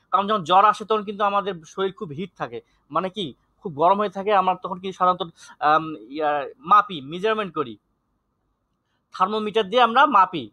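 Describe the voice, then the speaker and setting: A man teaching an English lesson in an online class, switching between Bengali and English and reading English sentences slowly for students to repeat. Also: high-pitched, bright, forceful tone, dry recording. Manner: mixes Bengali and English, slow drilled English reading.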